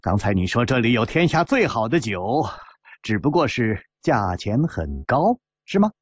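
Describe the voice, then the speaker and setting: A man's voice: mid-range voice, sing-song, a little slow, no echo, dull audio. Lu Xiaofeng, a man playing a cocky laughing swordsman. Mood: cocky, reckless. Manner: loud, laughing, devil-may-care. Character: brash, cocky young male swordsman gambler. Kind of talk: storyteller acting out dialogue.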